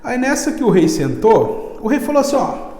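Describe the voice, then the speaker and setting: A man with a Brazilian accent, a chess teacher chatting casually in an interview and telling stories in a lively, slangy way. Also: extremely high pitch, brisk, a crowd in the background. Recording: echoey room with long reverb.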